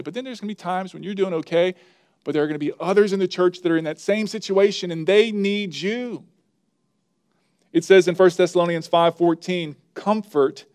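A man's voice: fairly high pitch, darkish tone, clean tone. A man preaching a sermon as pastor, earnest and conversational, building emphasis as he makes his points.

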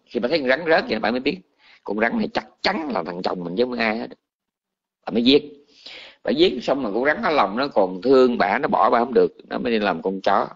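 A male monk tells a scripture story in a loose, conversational sermon, often restarting his phrases. His voice sits at a middling pitch. The recording sounds a little dull and lo-fi. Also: a little fast, vocal fry, slightly rough. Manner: colloquial, animated storytelling with restarts. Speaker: Buddhist monk teacher.

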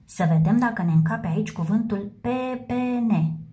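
A woman guides small children through a handwriting lesson, spelling out each word slowly and clearly. Her voice is mellow and warm rather than bright, with an even middle pitch. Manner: slow and deliberate, spelling words letter by letter. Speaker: primary school teacher.

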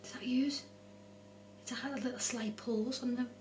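A woman's voice: steady tone, moderate pace, darkish tone. A woman in her twenties talking casually during a séance for a vlog. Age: 20s. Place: dim indoor room at night. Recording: low hum, faint noise.

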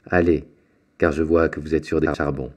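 A man's voice: very deep voice, fairly even intonation, moderate pace, darkish tone, highs cut off. A man voicing a jovial, fatherly middle-aged shipowner in an audiobook, hearty and kindly. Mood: paternal. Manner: hearty, paternal.

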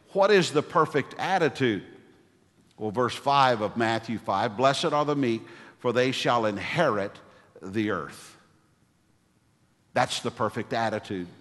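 Middle-aged preacher in a reverberant church. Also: male voice, fairly low pitch, fairly bright tone. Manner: earnest preaching with storytelling asides. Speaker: pastor. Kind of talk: sermon. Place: church sanctuary stage at a wooden pulpit. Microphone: pulpit microphone. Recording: long church hall reverb.

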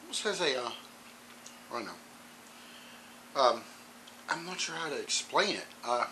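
Man, bright voice, lively pitch, casual vlog review, rambling, throat clearing. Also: fairly quick, a little hiss or hum, rough recording. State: clogged sinuses. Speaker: hot sauce reviewer.

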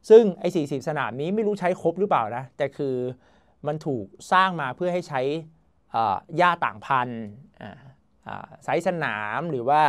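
A young man excitedly telling his friends' vlog story about a trip to a football club, casual and swearing lightly. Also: fairly high pitch. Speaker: football vlogger.

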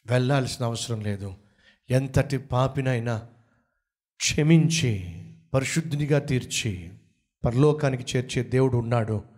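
A man's voice: mid-range voice, unhurried, long pauses, darkish tone. A male pastor preaching a sermon, telling a story dramatically and acting out the quoted dialogue. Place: church pulpit.

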